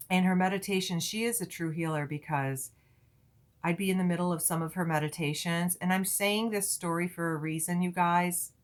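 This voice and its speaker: A woman tarot reader talking to her viewers in a chatty, earnest way, with many fillers and restarts. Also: lowish voice. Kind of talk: casual spiritual reading.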